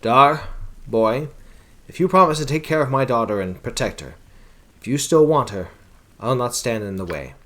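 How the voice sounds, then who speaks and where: A man's voice: medium pitch, animated, normal speed, pauses often, bright, forceful tone. A man doing a proud old wizard. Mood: humbled. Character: older male wizard, proud, gruff, calls hero boy.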